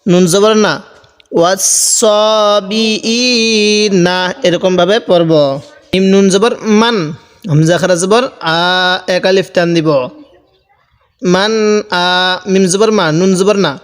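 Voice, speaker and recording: A man teaches Quran recitation in a high, smooth and resonant voice, breaking each word into its letters and vowel marks. He goes step by step and patiently repeats every rule. His voice carries a long hall reverb. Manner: slow, repetitive, patient step-by-step drilling. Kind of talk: spelling-out recitation lesson.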